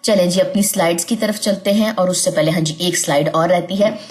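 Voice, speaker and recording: A young woman teaching tajweed from slides. She often checks whether students follow and draws out example words slowly. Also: lowish voice. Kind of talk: slide-based online lesson.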